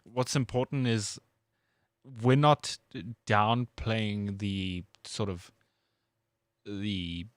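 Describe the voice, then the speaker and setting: A man's voice: on the low side, steady tone, very slow, pauses often, no room sound. A South African man co-hosting a sports talk show, laid-back and questioning, full of "like" and "dude". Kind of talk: casual sports chat.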